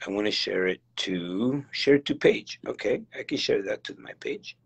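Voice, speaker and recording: A man's voice: lowish voice, normal speed, creaky, husky. A man from El Salvador telling his story on a video call, cheerful and laughing often, with lots of fillers and restarts. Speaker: guest real estate investor. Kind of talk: casual video call interview.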